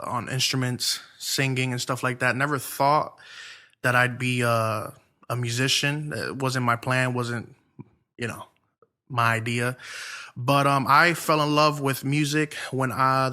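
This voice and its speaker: A young man from Ohio talks as a guest on a podcast. His voice is bright and forceful. He speaks in a relaxed, friendly way and restarts his sentences now and then. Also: medium pitch, a little slow. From Lorain, Ohio. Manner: laid-back and friendly, with restarts. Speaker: church music minister, podcast guest. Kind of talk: casual interview talk.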